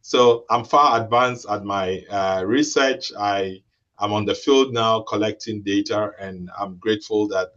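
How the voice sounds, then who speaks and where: A young man from Ghana, a researcher, speaking haltingly with many restarts on a video call. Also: on the low side, fairly even intonation, a bit bright, lo-fi sound. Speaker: researcher and webinar participant. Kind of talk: explaining a role-play and introducing himself.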